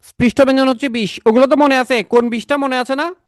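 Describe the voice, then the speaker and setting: A man's voice: very high-pitched, fairly even intonation, quick pace, dry recording. A man teaching a grammar class in a casual, chatty tone, repeating key points and quizzing his students. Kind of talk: online exam-prep lecture.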